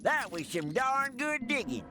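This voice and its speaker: An actor voicing a folksy old prospector with an American Western drawl in a cartoonish video game. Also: male voice, very high voice, sing-song, unhurried, noisy background, heavily acted. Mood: pleased.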